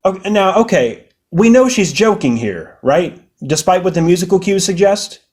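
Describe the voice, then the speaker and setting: High-voiced sarcastic man. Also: very animated, moderate pace, very noisy. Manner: sarcastic and mocking. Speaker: video essayist. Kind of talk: film critique commentary.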